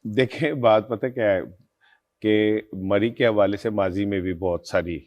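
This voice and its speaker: A man speaking as a panelist in a talk show discussion, building from measured points into indignant rhetorical questions. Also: fairly low pitch, a little mellow, muffled recording.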